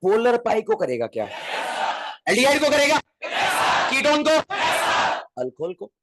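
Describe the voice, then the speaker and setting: A man teaching chemistry in a lively exam-prep class, calling out questions and often shouting. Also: very high-pitched, measured pace. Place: classroom with students. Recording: noisy classroom with crowd voices.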